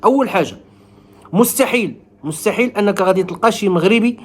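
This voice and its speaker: A man's voice: high-pitched, animated, fast. A man from Morocco with a Moroccan accent gives casual spoken commentary to viewers, emphatic and repeating phrases to drive points home.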